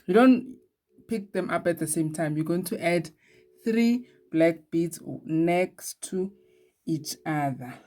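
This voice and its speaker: A woman's voice: lowish voice, lively intonation, slow, mellow. A woman hosting a casual beadwork tutorial, chatty and laughing at herself now and then. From Eswatini. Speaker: beading tutorial host.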